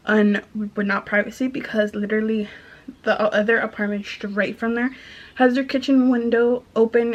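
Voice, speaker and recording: A woman's voice: medium pitch, dull audio. A young woman telling a rambling retail storytime while doing her makeup at home, chatty, full of fillers and restarts. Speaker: vlogger. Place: bedroom in an apartment.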